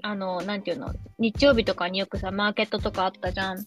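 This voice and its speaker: A woman's voice: medium pitch, steady tone, quick pace, faint music behind. A young woman co-hosting a podcast, talking casually in a rambling way full of fillers. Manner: rambling, lots of fillers and hesitation. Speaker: podcast co-host. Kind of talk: casual chat.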